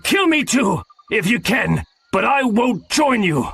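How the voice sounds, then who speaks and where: A man voicing a brave honest sailor, hoarse and shaky in a storybook reading. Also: sits high, big pitch swings, takes it slowly, fairly bright tone, voice pushed up, full character voice. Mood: defiant.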